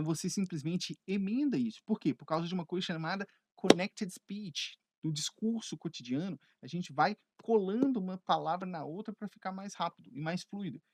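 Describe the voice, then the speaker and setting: A man teaching English phrases in Portuguese, chatty and lively, asking himself questions and answering them. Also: a little high, no room sound, clean studio sound.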